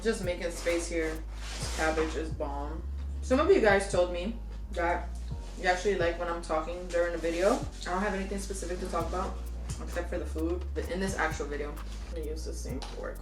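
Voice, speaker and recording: A woman's voice: fairly low pitch, a little fast, echoey room, recorded from a distance, faint music behind. Chatty young woman eating on camera. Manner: chatty, eating while talking, addresses viewers as y'all. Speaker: food vlogger. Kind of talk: casual mukbang chat to camera.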